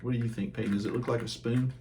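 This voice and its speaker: A man hosting his fishing channel, casually reviewing baits at home in a relaxed, chatty way with lots of ums and uhs. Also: mid-range voice, rapid-fire, a little hiss or hum.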